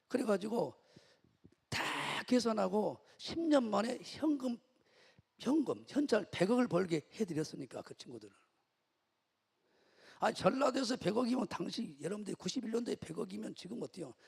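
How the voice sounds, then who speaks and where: A man's voice: sits high, creaky, slightly rough, big-room sound. A middle-aged male pastor, preaching a sermon and telling his own story with rhetorical questions to the congregation. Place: church sanctuary.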